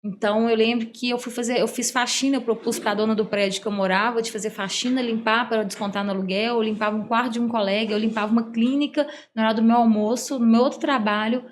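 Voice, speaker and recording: A woman's voice: fairly high pitch, steady tone, quick pace, few pauses, slight background noise. A middle-aged woman, a psychologist telling her life story in an interview, heartfelt and earnest. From Brazil, Minas Gerais. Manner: earnest, heartfelt, acts out quoted dialogue. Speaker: guest psychologist. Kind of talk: personal storytelling in a podcast interview.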